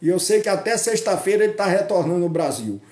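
Talking fast and very animated, this older Northeastern Brazilian man has a high, darkish voice and a roomy sound. He's out on a tree-lined park road with his phone at arm's length, recording a casual political vlog full of chatty mockery and sentences capped with questions.

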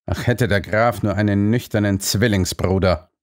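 Ein Mann, der in einem Hörbuch einen strengen, ungeduldigen älteren Kanzler spricht, herrisch und befehlend. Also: male voice, lowish voice, steady tone, moderate pace, dry recording, clean studio sound, natural voice. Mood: verzweifelt.

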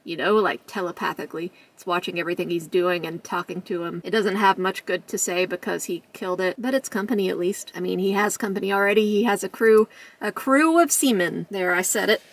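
A woman's voice: lowish voice, steady tone, fast talker, few pauses, recorded from a distance. A woman reviewing toys in a chatty, jokey way, laughing often. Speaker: toy reviewer. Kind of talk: casual toy review.

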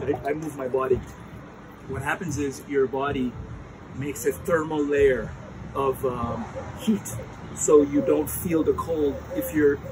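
A man in his thirties explains things casually and emphatically for a vlog while sitting in ice cold water outdoors, starting to shiver. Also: on the high side. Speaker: health vlogger. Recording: clear outdoor ambient noise.

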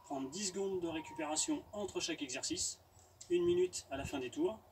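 A man's voice: a little high, moderate pace, darkish tone. Middle-aged male coach, informal and a little hesitant, explaining exercises outdoors; off-mic, with noticeable noise. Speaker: fitness coach. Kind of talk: workout instruction, explaining and counting reps. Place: outdoor garden terrace. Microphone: distant camera. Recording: outdoors from far off, noisy.

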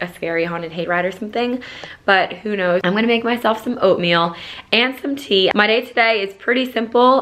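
A woman in her twenties chatting casually to camera in a daily vlog, upbeat and a little hoarse as she recovers her voice. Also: on the low side, pushed and bright. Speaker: vlogger.

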